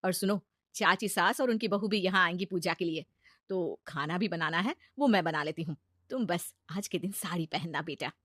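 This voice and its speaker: A woman playing a kind, patient middle-aged mother-in-law in a cartoon story, speaking gently and motherly. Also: fairly low pitch, normal speed, no room sound, clean studio sound. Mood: gentle.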